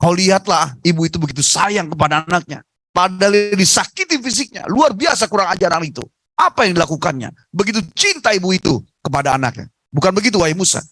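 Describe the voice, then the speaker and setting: A man's voice: high voice, animated, quick pace, fairly bright tone, no room sound, voice pushed up, full character voice. A man voicing God addressing a prophet in a retold religious story, speaking solemnly. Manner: solemn, instructive.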